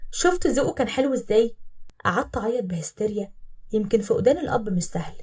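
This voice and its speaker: A woman's voice: medium pitch, mellow, recorded from a distance. A young Egyptian woman narrating a first-person story in an emotive, confiding way.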